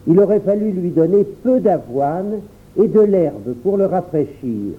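A man voicing a steady, practical coachman who explains things matter-of-factly in a storybook reading. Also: sits high, a little slow. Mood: calm. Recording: tinny phone-like sound.

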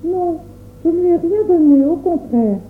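A woman's voice: extremely high pitch, lively intonation, moderate pace. A woman voicing a timid, tender-hearted little girl who talks in a pleading, hesitant way. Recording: tinny phone-like sound, roomy echo.

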